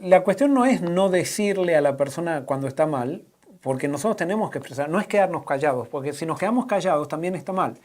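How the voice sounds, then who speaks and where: A male pastor, answering a question in a conversational sermon, often pausing and restarting as he works through everyday examples. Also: fairly high pitch, darkish tone. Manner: halting, with many restarts and fillers, giving everyday examples.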